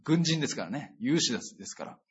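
A pastor preaching a sermon in a conversational, earnest way, with emphatic sentence endings. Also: male voice, medium pitch, expressive, fast, breathy edge. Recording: dull lo-fi recording.

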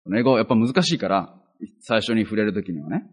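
A man's voice: on the low side, expressive, quick pace. A male pastor giving a chatty, earnest Bible teaching, with self-deprecating asides.

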